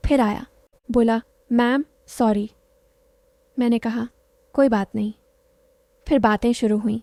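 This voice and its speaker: Mellow-voiced woman narrating a story. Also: a little high, no room sound. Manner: short clipped sentences, plain even delivery. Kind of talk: scripted first-person story narration.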